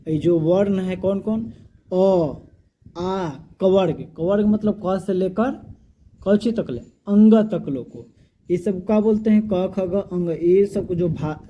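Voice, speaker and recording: A fairly high-pitched man with a very dark, mellow tone teaches a grammar lesson. He drills each sound aloud and keeps quizzing his class with question-and-answer repetition. Faint noise hums behind him. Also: slow, dull audio.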